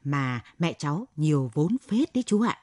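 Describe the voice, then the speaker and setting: A woman's voice: deep voice, sing-song, moderate pace, darkish tone, no room sound, studio quality. A woman voicing a cheeky, talkative young village woman who chatters in a gushing rush.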